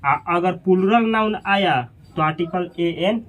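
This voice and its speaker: A man's voice: high-pitched, unhurried, a bit bright. A man teaching an English grammar lesson, asking questions and repeating the class's answers.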